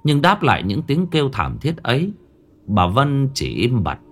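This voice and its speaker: A man's voice: mid-range voice, huge pitch swings, moderate pace, a bit bright. A man narrating a horror story with dramatic expression. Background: faint music.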